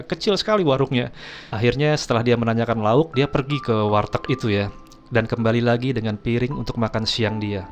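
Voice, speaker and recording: A man casually telling a personal story, chatty, keeps addressing his viewers. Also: medium pitch. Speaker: storyteller host.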